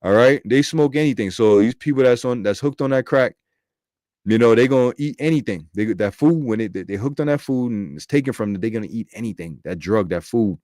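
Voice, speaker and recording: A man's voice: medium pitch, lively intonation, fairly quick, a little mellow, no room sound, clean studio sound. A man giving casual scripture commentary in slangy, profane street talk, thinking aloud and correcting himself as he goes. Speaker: bible commentator.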